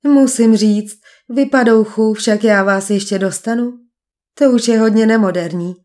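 A cool young detective in an audiobook, as a woman narrator voices him. He trades dry quips with his captor and never loses his calm. The tone is mellow and dark. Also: fairly high pitch, natural voice. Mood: wry. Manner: dry, unflappable banter. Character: cool, wry young male captive detective. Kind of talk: audiobook character voice.

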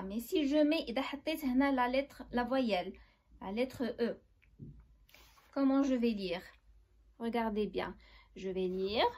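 A young woman with a Moroccan accent gives a basic French lesson, moving between French and Moroccan Arabic. She explains patiently, step by step, and keeps checking that the class follows. Her voice sits a little high. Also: a little mellow. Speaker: French teacher.

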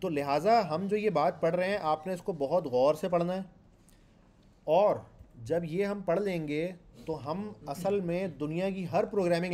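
Mellow-voiced Pakistani man teaching code. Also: high-pitched. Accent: Pakistani Urdu. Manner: conversational, asks the class questions and repeats points. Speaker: programming instructor. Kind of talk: classroom lecture. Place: classroom with students.

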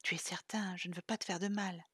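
A woman reading the lines of an emotional young pastry chef, hushed and close to a whisper. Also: on the low side, steady tone, a little fast, husky, dry recording.

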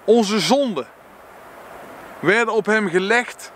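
A man's voice: high voice, fairly bright tone, a little hiss or hum. Earnest Dutch man reading aloud. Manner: slow earnest reading, stumbles and self-corrects. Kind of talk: reading a book passage aloud with personal reflection.

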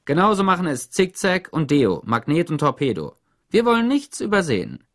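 A man's voice: fairly high pitch, huge pitch swings, normal speed, a bit bright, pitched above the performer's own voice, exaggerated voice. A man voicing a stern, impatient woman who runs a work camp, giving orders in a commanding way. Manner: commanding, insistent.

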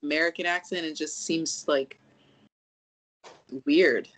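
A podcast co-host in casual chat, animated and profane, rambling through restarts and acting out reactions. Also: medium pitch, takes it slowly, slight background noise, low-quality recording.

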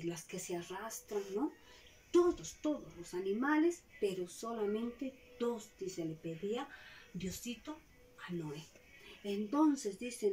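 A woman's voice: mid-range voice, darkish tone. A woman teaching a preschool class, singing a children's song and then telling a story in a sing-song, affectionate way with frequent tag questions. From Peru. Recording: distant mic with faint noise.

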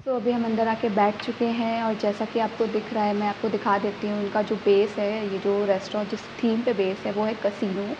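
In a muffled recording with a noisy background, a young woman of medium pitch vlogs a casual food review on a phone held at arm's length. Chatty throughout, she describes every dish while tasting it, both inside a small restaurant and outside its entrance.

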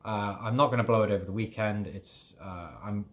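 A man's voice: fairly low pitch, steady tone, a little fast. A young British man talking casually in a rambling, self-correcting video diary at home. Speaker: fitness vlogger.

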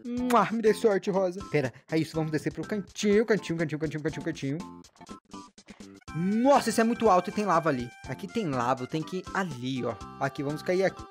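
A man with a Brazilian accent doing playful, excitable let's play commentary and often acting scared. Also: on the high side, quick pace, soft background music. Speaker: gaming youtuber.

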